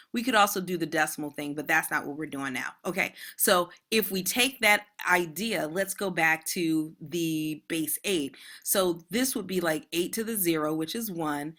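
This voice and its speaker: A woman's voice: lowish voice, bright, forceful tone. A woman math teacher giving an online lesson in a casual, chatty way, talking straight to her students.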